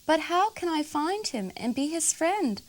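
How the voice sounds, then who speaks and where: A woman's voice: sits high, very animated, a little slow, pitched above the performer's own voice. A woman reading aloud, voicing a young male beaver in a children's storybook. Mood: wondering.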